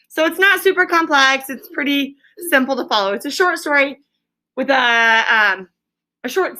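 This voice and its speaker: This elementary teacher's voice sits high and sounds pushed and bright as she gives a classroom reading lesson. She explains things simply for the children, repeating key words and prompting them with questions.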